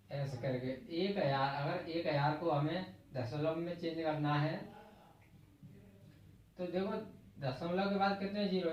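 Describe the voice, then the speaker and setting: Slight background noise sits under a man's fairly high voice as he teaches math in a classroom. With an Agra-region Hindi accent, he breaks things down step by step and counts the digits aloud, all in a very echoey, distant, dull lo-fi room.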